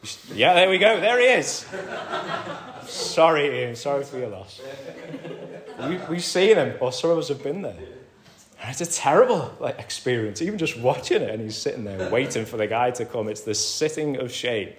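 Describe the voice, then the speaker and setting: In a roomy church hall with faint ambience and crowd noise, a British pastor with a mid-range, animated voice preaches conversationally at normal speed. He calls the congregation "folks," swinging between loud emphatic lines and soft quiet asides.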